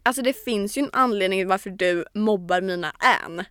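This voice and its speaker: A woman's voice: mid-range voice, fairly bright tone, smooth, no room sound. Young Stockholm-sounding Swedish woman, dry close sound. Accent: Stockholm Swedish with traces of Östergötland. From Linköping, Sweden. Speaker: podcast co-host. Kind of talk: casual chat.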